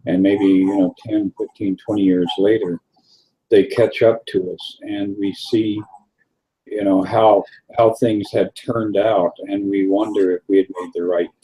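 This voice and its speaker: A man with a low, dark voice and a slightly husky edge talks through a film review. He speaks in an unhurried, reflective way, pausing often as he gathers his thoughts, like a co-host in a casual discussion. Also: little pitch movement, poor audio. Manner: unhurried and reflective, with frequent pauses.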